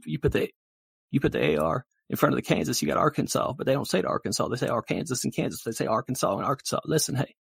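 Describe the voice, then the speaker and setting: Brief: man voicing a brash male politician, raised gravelly voice, crude rambling stump speech. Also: no room sound, exaggerated voice. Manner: rambling, crude campaign pitch. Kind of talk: improv comedy.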